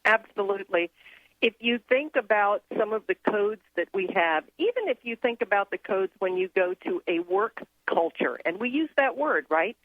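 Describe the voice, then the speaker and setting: A woman who grew up in Thailand, a guest on a radio show, explaining her ideas in an earnest, steady way. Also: mid-range voice, moderate pace, no echo. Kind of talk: casual radio interview. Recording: tinny phone line.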